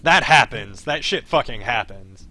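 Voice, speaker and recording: This streamer reads a visual novel aloud between bouts of casual, blunt, sweary chat. His mid-range voice is expressive, pushed and bright, his pace a little slow, with faint music behind him.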